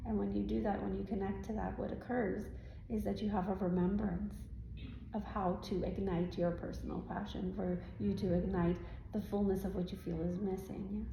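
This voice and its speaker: A woman's voice: mid-range voice, gravelly, dark tone, muffled recording, natural voice. A woman speaking as a trance medium voicing a serene spirit guide, with stilted formal phrasing and frequent questioning tags, giving spiritual guidance at a live event. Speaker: trance channeler answering audience questions. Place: indoor live event room. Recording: roomy live event sound, faint noise.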